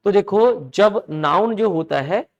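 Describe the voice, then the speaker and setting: एक पुरुष शिक्षक कक्षा में हिंदी और अंग्रेज़ी मिलाकर व्याकरण पढ़ाता है। वह बार-बार छात्रों से सवाल पूछता है कि वे समझ रहे हैं या नहीं, और ज़रूरी बातें दोहराता है।. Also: male voice, high-pitched, animated, takes it slowly, dull audio. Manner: keeps asking the class questions and checking they follow; repeats key phrases and examples for drilling. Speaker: English teacher. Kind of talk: live classroom lecture in Hindi mixed with English. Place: classroom with students.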